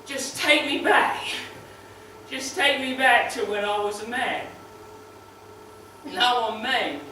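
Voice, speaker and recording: A foul-mouthed male crocodile wrestler, maimed and grieving, played by a man in a dramatic monologue. His high, slow, bright voice lurches between swagger and raw shouted despair. It is recorded from far off in a very echoey room with a faint hum of ambience. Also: heavily acted. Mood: anguished.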